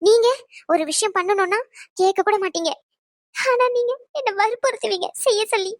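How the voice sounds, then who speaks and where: A woman voicing an indignant young bride in a cartoon, scolding in a sharp, rapid way. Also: very high-pitched, no echo, clean studio sound. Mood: angry. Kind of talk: cartoon voice acting.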